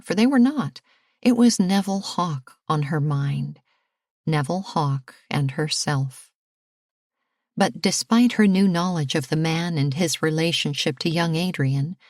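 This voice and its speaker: Low-voiced woman reading a romance audiobook. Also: no echo, studio quality. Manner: measured, expressive reading. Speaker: audiobook narrator. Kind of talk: scripted narration.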